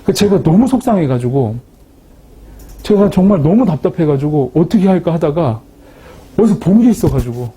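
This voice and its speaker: Guy telling his faith story, warm husky voice, pokes fun at himself. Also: a little high, normal speed. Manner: lively, self-mocking storytelling. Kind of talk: storytelling testimony talk.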